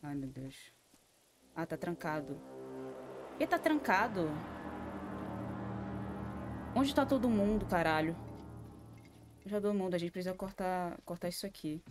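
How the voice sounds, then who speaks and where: Brazilian woman, gaming streamer, lowish voice, jumpy and cursing. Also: animated, a little slow, long pauses, music in the background. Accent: Brazilian Portuguese. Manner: jumpy and scared, swearing often, talking to herself. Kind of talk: live gaming commentary.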